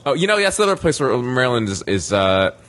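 A man's voice: mid-range voice, big pitch swings, fast, a bit bright. Rambling, self-amused man on a podcast. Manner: rambling and self-amused, laughs through his jokes. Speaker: podcast panelist. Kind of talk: casual podcast panel chat.

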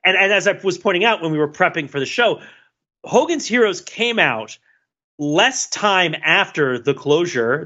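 With a pushed, bright, higher-pitched voice, this man co-hosts a podcast, musing casually and analytically while stumbling through fillers and restarts. The recording sounds dull and lo-fi.

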